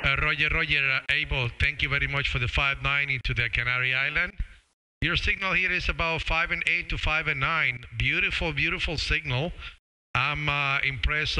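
Poor audio captures a fairly high, pushed, bright yet smooth male voice. The middle-aged ham operator and live streamer holds a casual radio contact, hesitating and repeating words and call signs, his mouth close to a boom-arm studio microphone while he wears a headset.

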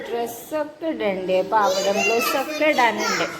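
A woman's voice: a little high, expressive, measured pace. A young woman, a mother, chatting casually to her viewers as she films a home vlog on her phone. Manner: chatty, talks to viewers as "guys". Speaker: vlogger and mother. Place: home and car, indoors. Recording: echoey room with clear background noise.

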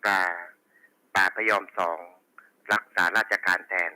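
Over a walkie talkie, a man with a low, very sharp and bright voice runs a police radio roll call. He is crisp and procedural, repeating call signs and reports as a dispatcher. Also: steady tone, slow pace, poor audio. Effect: two-way radio.

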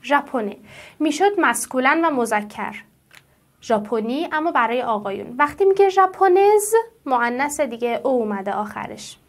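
A woman teaching French who draws out each French word slowly and asks her students questions. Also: sits high, expressive. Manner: slow, drawn-out pronunciation of French words; explains patiently and asks the class questions. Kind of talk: classroom-style language lesson.

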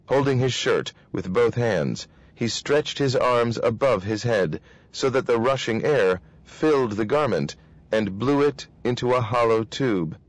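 A man reading a novel aloud in a steady, measured way. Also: medium pitch, dry recording. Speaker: reader.

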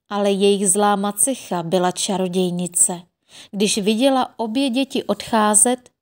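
A woman narrating a fairy tale audiobook in a gentle, expressive storytelling voice. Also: medium pitch.

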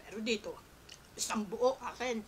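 A woman's voice: a little high, moderate pace, a little hiss or hum. A woman vlogger chatting casually to her viewers while chewing her food. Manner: chatty, laughs between bites. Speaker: mukbang vlogger.

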